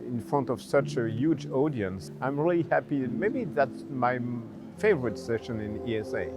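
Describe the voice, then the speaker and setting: A man's voice: mid-range voice, animated, moderate pace. Man session chair over music. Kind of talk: interview answers. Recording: music bed underneath.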